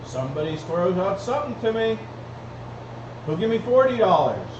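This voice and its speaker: Male auctioneer, high-pitched, repetitive bid calling, live auction patter, roomy noisy recording. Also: big pitch swings, moderate pace. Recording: roomy, distant mic, dull, clearly noisy.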